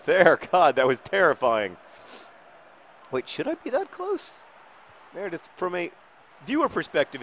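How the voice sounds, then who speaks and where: A man hosting a casual gaming video, answering viewer questions in a rambling, self-deprecating way while now and then shouting at the match he is playing. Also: lowish voice, a little hiss or hum. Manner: rambling, self-deprecating, dry jokes, sudden shouts at the game.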